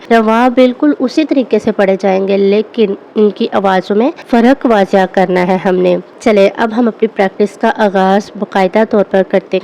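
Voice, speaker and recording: A woman teaching a spoken tajweed lesson. She explains quickly, then drills each syllable slowly and clearly, often stopping to check that the learner is following. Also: medium pitch, mellow, a little hiss or hum, rough recording. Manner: says 'ٹھیک ہے' often to check along. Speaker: Quran reading teacher.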